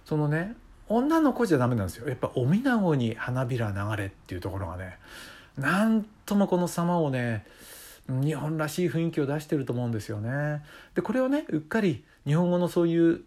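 A man's voice: on the high side, sing-song, a little fast, darkish tone. A middle-aged man hosting a casual solo talk show, musing in a conversational way with many fillers. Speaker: podcast host.

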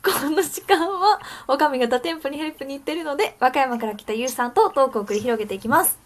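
A woman's voice: high-pitched, animated, fast talker. A woman from Wakayama with a Kansai accent, hosting a casual, comic radio chat. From Wakayama, Japan. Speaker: radio host as apprentice restaurant proprietress.

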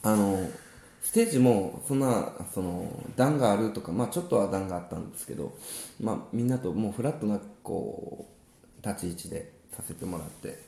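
A man co-hosting a casual podcast chat, telling about his gigs in a relaxed, rambling way with many fillers. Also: fairly low pitch, a little fast, creaky, roomy sound. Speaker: musician co-host.

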